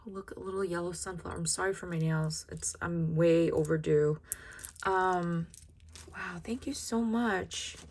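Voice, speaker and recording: A woman's voice: fairly low pitch, a little slow, a little mellow. A woman giving casual unboxing commentary in a gushing, grateful manner, drawing out her exclamations. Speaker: craft vlogger unboxing happy mail.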